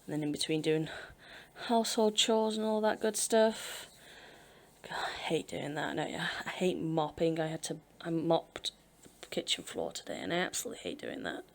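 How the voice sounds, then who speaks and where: A woman's voice: low voice, lively intonation, moderate pace, vocal fry. A woman in her twenties with a British accent, chatting casually and rambling over a video game build, laughing now and then. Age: 20s. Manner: rambling, chatty, self-deprecating, laughs often. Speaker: Sims speed-build YouTuber. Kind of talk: casual chat over gameplay.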